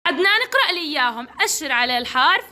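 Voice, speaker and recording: A woman's voice: high-pitched, big pitch swings, rapid-fire, noisy background. A woman with a Levantine Arabic accent teaching a kindergarten class, encouraging and praising each child by name. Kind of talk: classroom instruction.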